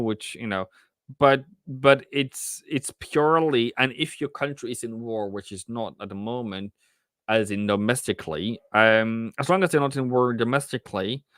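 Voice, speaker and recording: Hosting a live trading stream, a Norwegian man with a medium-pitched, slightly bright, clean voice thinks aloud, restarting often, using lots of fillers and reading out chat. The casual commentary is recorded in a clean studio with no echo.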